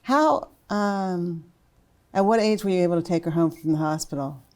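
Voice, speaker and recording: A woman hosting a podcast interview, asking sympathetic questions with soft interjections. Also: lowish voice, moderate pace. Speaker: podcast host.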